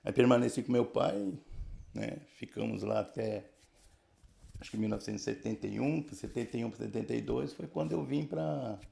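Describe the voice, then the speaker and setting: A gravelly-voiced man in his sixties from the São Paulo region of Brazil speaks with a medium pitch and dark tone. As a church member giving testimony, he tells his life story casually, halting and restarting often and using frequent tag questions.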